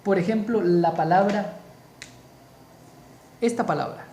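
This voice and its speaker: A man teaching a spoken grammar lesson, slow and deliberate, repeating key terms for emphasis. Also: high voice, warm tone, echoey room, slight background noise.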